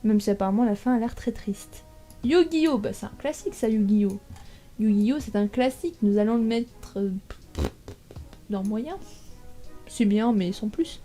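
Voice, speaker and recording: A chatty young woman with a fairly high but mellow voice, thinking aloud as she sorts titles into a tier list. She fills her speech with hesitations and little asides, and faint music plays behind her. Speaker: YouTuber ranking manga. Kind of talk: casual tier list commentary.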